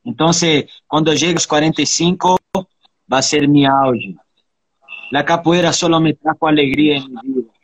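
A man's voice: fairly high pitch, moderate pace, no echo, low-quality recording. A man in his thirties from Brazil, talking earnestly and reflectively in a casual interview, often ending thoughts with a question. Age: 30s. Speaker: interviewee, capoeira practitioner.

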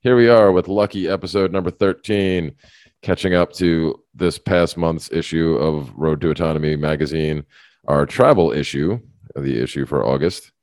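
A man with a very low, deep voice co-hosts a casual podcast, rambling and restarting his sentences as he goes. He laughs often. The sound is dry and close, with no room echo. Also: moderate pace, a little mellow. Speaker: podcast co-host. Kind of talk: casual chat.

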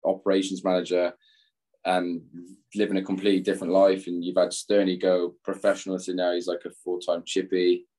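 English bloke, deep voice, rambly casual chat, laughs at himself a lot. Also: male voice, completely flat delivery, a little fast, dark tone. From England. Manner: rambling, laughs often, self-deprecating. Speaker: interview guest, former footballer.

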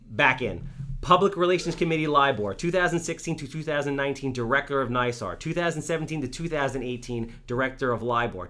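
A podcast host in his thirties reads a joking, hyped intro for his guest on a casual show. His voice is medium-pitched, pushed and bright.

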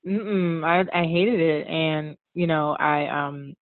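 A woman's voice: low voice, slow pace, no room sound. Chatty woman on a tinny line. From Washington DC area, USA. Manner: relaxed, chatty, frequent "like" and "um", laughs often. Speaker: guest, costume designer. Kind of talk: casual conversational interview. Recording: tinny phone-like line, dry.

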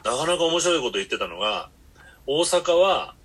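A man's voice: a little high, sing-song, normal speed, fairly bright tone, slightly rough. A man hosting a podcast, telling long rambling stories in blunt casual chat. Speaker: podcast host.

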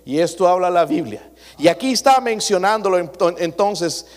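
Preaching pastor in a long-reverb church. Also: male voice, high-pitched, animated, moderate pace. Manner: preaches to the congregation, swinging between loud emphatic passages and quiet asides. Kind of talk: sermon. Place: church sanctuary.

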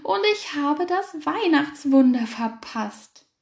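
A woman's voice: high-pitched, expressive, slow, gravelly, darkish tone, reverberant, voice pushed up, exaggerated voice. A woman voicing a grumpy, cold little porcupine that scolds and grumbles, in a storybook reading. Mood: sulky. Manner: scolding, indignant.

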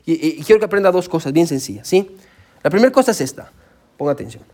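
A man's voice: a little high, expressive, fast talker, darkish tone. A man preaching a sermon as pastor, fervently calling out to his listeners and repeating "amen" and "listen". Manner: fervent, keeps calling out "amén" and "escuche" to the listeners.

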